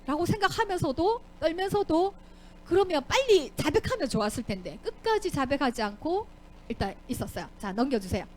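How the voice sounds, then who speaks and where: A young woman tells a Bible story to a children's Sunday school class. Her voice sits high and swoops widely up and down. She keeps asking the children questions and acts out the characters' lines herself. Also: big pitch swings, fairly quick, darkish tone, a little hiss or hum.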